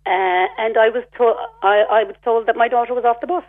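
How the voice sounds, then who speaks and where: An Irish woman rings a radio show to detail a complaint, sounding aggrieved as she recounts the back-and-forth she had. Her voice is a little high, brisk, and fairly even in intonation, carried over a phone line.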